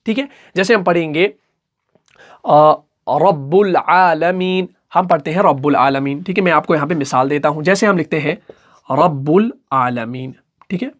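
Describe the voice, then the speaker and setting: A man giving a recitation lesson for an online class, patient and methodical. He sounds out each example word slowly and carefully, then pauses to ask if the listener is following. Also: high-pitched. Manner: stretches example words out slowly, checks in with "okay?" often. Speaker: Quran recitation teacher.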